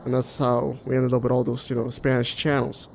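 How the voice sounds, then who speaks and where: Streaming a game live, a Curaçao-born man, native in Papiamento, talks casually and with strong opinions as he plays, with clear background noise present. His medium-pitched voice is a little mellow, moves little in pitch, and runs a little fast.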